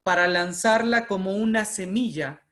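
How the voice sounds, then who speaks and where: This oratory workshop speaker is a man with a Mexican Spanish accent whose high-pitched, fairly bright voice moves at a normal speed. Over a video call he delivers an impassioned public-speaking lecture, stacking up emphatic repeated phrases for rhetorical effect.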